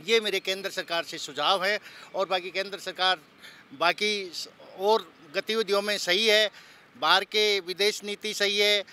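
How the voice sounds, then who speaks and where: A man in a street interview outdoors, calmly laying out his suggestions. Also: high-pitched. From Rajasthan, India. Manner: measured, giving suggestions.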